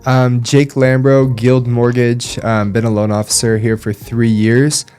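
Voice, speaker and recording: A man who works as a loan officer, explaining things in a relaxed podcast chat with frequent ums. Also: mid-range voice, unhurried, soft background music.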